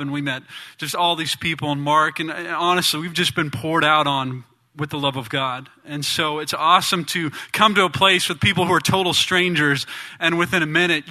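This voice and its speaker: A man's voice: on the high side, bright, forceful tone. A young man from the US Midwest telling his testimony to a church audience, chatty and joking. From Indiana, US Midwest. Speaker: gospel band member giving testimony. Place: church stage.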